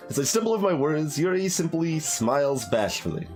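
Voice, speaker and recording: Doing a blind voiced playthrough, a male streamer reads the game's narration expressively and tosses in casual commentary. His voice is a little high, sing-song and brisk with a darkish tone, and music plays behind him.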